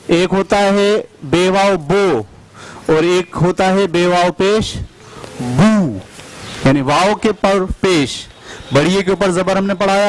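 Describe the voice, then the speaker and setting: Slow, high-voiced man teaching pronunciation. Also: slight background noise, low-quality recording. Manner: slow, drills sounds by spelling them out and repeating. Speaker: teacher trainer. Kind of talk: classroom instruction.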